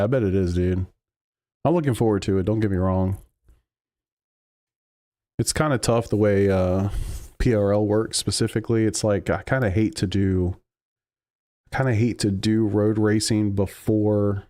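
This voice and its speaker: A man's voice: on the low side, mellow, no room sound, clean studio sound. A man streaming a sim racing game, chatting casually with his chat while he drives. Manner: laid-back, rambling, answers chat.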